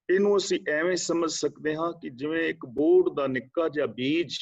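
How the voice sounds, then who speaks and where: A man teaching scripture in a measured, explaining way, with a voice pitched a little above most men's. He slows down to list terms one at a time. The audio is dull and lo-fi, like sound from an online video call. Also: darkish tone, husky. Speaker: religious teacher giving scripture commentary.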